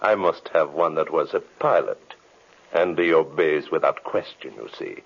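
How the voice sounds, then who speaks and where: An actor playing a gloating, commanding evil magician in an old radio horror drama, imperious, menacing and theatrical. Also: male voice, very deep voice, expressive, unhurried, gravelly, breathy edge, exaggerated voice. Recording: muffled old radio recording.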